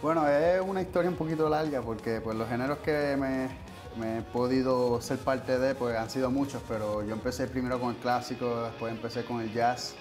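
A man in his twenties from Puerto Rico with a Puerto Rican accent, a musician guest talking in a relaxed, hesitant way with many fillers. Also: mid-range voice, brisk, faint music behind. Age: 20s. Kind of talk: casual interview. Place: TV studio set.

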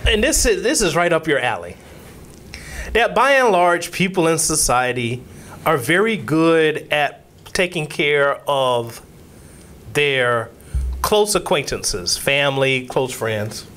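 A man's voice: fairly high pitch, expressive, takes it slowly, fairly bright tone. A man co-hosting a casual podcast chat, rambling and often restarting his sentences. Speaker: co-host.

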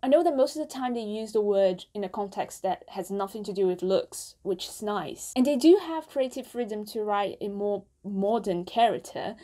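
A young woman doing casual reaction commentary for her channel, playful and self-mocking, with quick asides. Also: fairly high pitch, mellow. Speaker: musical reaction vlogger.

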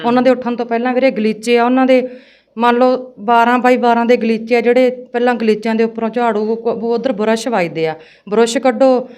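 Punjabi woman guest, quick earnest storytelling, smooth clear voice. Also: on the high side, fairly even intonation, darkish tone. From Punjab, India. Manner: fast, earnest storytelling, often addressing the host as brother. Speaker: interview guest recounting work abroad. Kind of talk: emotional personal account in casual Punjabi.

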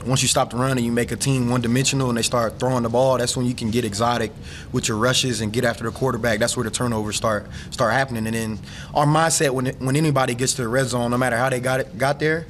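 A man's voice: mid-range voice, steady tone, quick pace, slight background noise. A young man, a defensive football player, answering questions casually at a post-game press conference, full of "you know.". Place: press room, seated at table. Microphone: table mic.

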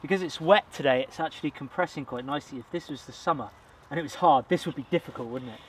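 A man's voice: fairly high pitch, fast, slight background noise. A man in his thirties hosting an outdoor bushcraft vlog, explaining the build with enthusiasm as he works in a forest. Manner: enthusiastic, explains while working. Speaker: bushcraft channel host. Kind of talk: casual outdoor vlog talk. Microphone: camera mic, sometimes far off.

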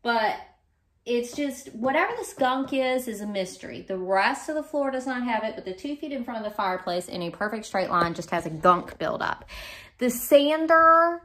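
She thinks aloud anxiously about her home renovation, unsure of her choices, in a casual vlog. Her fairly high voice is expressive, bright, and forceful, delivered at a moderate pace.

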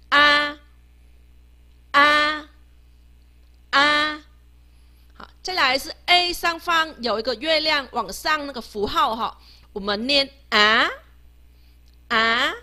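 A woman with a fairly high, bright, forward voice leads a beginner language lesson. She works patiently, sounding out each letter slowly, three times over. She tags her phrases with a soft "ha". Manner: ends phrases with a soft "ha" tag. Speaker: Vietnamese language teacher.

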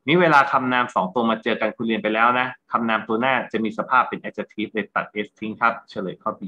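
A man's voice: lowish voice, steady tone, fast talker, pushed and bright, lo-fi sound. A Thai-accented man teaching English grammar in a lecture, going through exam answers and checking understanding with rhetorical questions.

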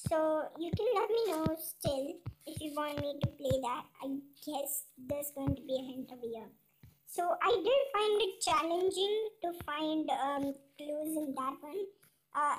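A gaming channel host talking through a puzzle game in a chipmunk voice effect, chatty and often asking "okay?". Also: background noise. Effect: chipmunk voice, sped-up high-pitched filter. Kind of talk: casual let's-play commentary.

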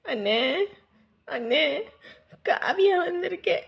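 A woman's voice: extremely high pitch, expressive, slow, vocal fry, full character voice. A woman playing a sulky, tearful younger sister. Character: tearful younger sister scolding her brother.

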